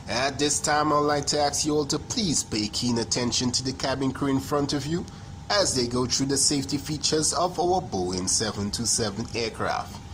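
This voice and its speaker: A man's voice: mid-range voice, natural voice. A young man playing an airline captain who gives a formal cabin announcement from the cockpit, with the cadence of a pilot's welcome, at a graduation podium microphone. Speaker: valedictorian graduate. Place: graduation ceremony stage. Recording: noisy ceremony recording.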